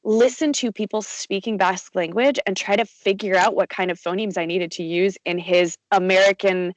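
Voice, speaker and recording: A woman's voice: mid-range voice, steady tone, moderate pace, no room sound, rough recording. Chatty woman narrator, dry close sound. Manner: chatty, lots of fillers and restarts, laughs easily. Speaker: audiobook narrator and voice actor. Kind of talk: conversational interview.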